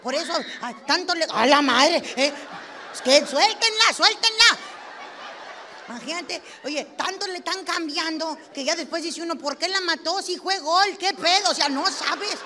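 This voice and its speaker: On stage, a stand-up comic plays a brash, foul-mouthed Mexican woman with a Mexican Spanish accent, loud and sassy, swearing a lot and repeatedly questioning the audience. The voice is very high, at normal speed with few pauses, and the live hall adds reverb and faint noise.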